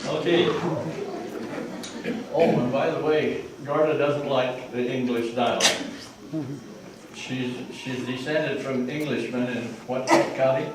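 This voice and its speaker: A man's voice: mid-range voice, fairly even intonation, slow pace, long pauses. An older man giving an informal family history talk, rambling with asides and restarts, recorded from a distance in an echoey room with background noise.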